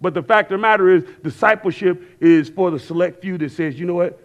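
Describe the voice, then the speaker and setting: A pastor in his thirties delivers a sermon from a church stage, with screens and a worship band behind him. His voice sits high and runs a little fast as he preaches conversationally, asking the crowd to fill in words and now and then rising to shouts.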